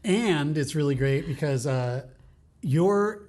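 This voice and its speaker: A man's voice: a little high, expressive, takes it slowly, a little mellow. An American man hosting a casual interview, chatty and joking as he encourages his guest. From United States. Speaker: host.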